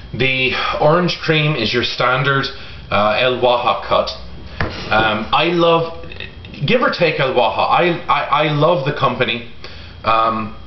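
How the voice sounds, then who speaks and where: A middle-aged man giving a casual product review to camera in a halting way, pausing often. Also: medium pitch. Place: home kitchen, indoors. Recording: roomy echo, dull sound, faint noise.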